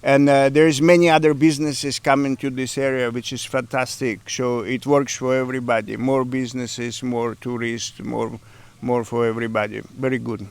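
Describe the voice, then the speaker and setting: A man's voice: medium pitch, level tone, normal speed, clean tone. A middle-aged man with a Ukrainian accent, answering interview questions in a casual, hesitant way with many fillers and broken grammar. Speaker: interviewee, café owner.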